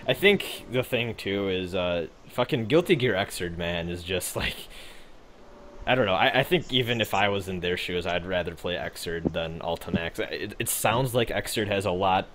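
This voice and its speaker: A man's voice: low-pitched, animated, normal speed, fairly bright tone, slight background noise. A young man co-hosting a gaming podcast, chatting casually in a rambling, laid-back way with frequent swearing and fillers. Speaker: podcast co-host.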